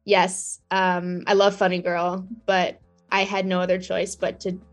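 A woman's voice: fairly low pitch, completely flat delivery, a little slow, faint music behind. A young woman artist answering interview questions in a chatty way, laughing often and restarting her sentences. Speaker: artist guest.

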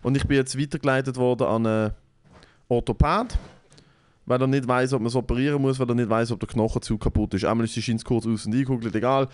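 A man's voice: mid-range voice, fast, clear, resonant tone. Young Swiss German man telling a rant. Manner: animated storytelling, acting out quotes, lots of swearing. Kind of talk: casual chat.

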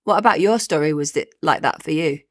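A woman's voice: deep voice, a little fast, no echo, studio quality. A woman interviewing someone in an empathetic, conversational style.

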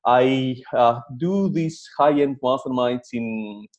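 A Greek man in his thirties, a native Greek speaker, tells his story as a podcast guest in a casual interview full of fillers and restarts. His voice is medium-pitched and slightly mellow, and he speaks slowly.

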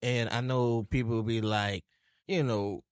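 A man from New Orleans telling animated, profane stories in casual podcast chat. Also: mid-range voice, unhurried, clean tone, dry recording, clean studio sound.

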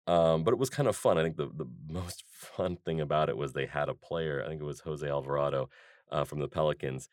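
Very deep-voiced man rambling casually. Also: brisk, darkish tone, no echo, clean studio sound. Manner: rambling, many fillers and restarts. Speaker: podcast host.

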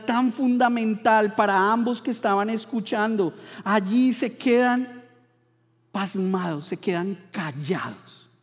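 A man from Colombia, a pastor preaching a sermon in church, telling stories with animated quoted voices. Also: high-pitched, in a large hall.

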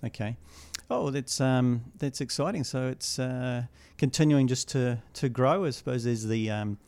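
A man with a New Zealand accent hosting a podcast interview, relaxed and hesitant, with many ums as he talks. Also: medium pitch, unhurried, clean tone. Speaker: podcast host. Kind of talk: casual interview chat.

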